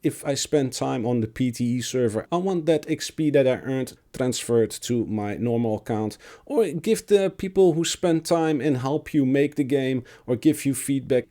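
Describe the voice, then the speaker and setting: A man with a cracky, squeaky voice from being sick, reading game patch notes aloud with his own remarks, stumbling here and there. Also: dark tone. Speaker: gaming video creator.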